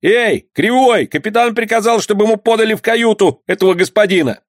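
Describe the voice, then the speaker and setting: A man voicing an ugly male pirate lackey who shouts up from below deck. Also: sits high, fairly quick, no echo, clean studio sound, voice pushed up, close to an everyday voice. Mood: yelling.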